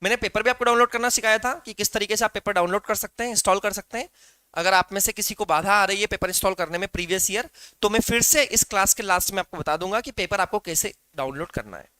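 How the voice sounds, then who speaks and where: Male tutor, high voice, bright and crisp, live online exam-prep class, rhetorical questions, fond "beta" to students. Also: fast talker, dry recording.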